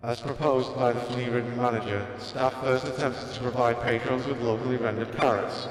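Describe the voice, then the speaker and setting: Man playing a clipped, emotionless game robot unit, mid-pitched, heavy room echo. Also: steady tone, fairly quick, a little hiss or hum, close to an everyday voice. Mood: flat. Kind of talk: fan voice-over of game dialogue. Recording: very echoey room with long reverb.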